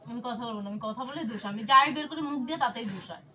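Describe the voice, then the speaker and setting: A woman's voice: on the high side, very fast, pushed and bright. A woman, scolding her husband in a staged argument for a prank video. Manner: scolding, repetitive, insistent. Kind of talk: staged argument, then casual talk to viewers. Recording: voice from some distance, hidden camera.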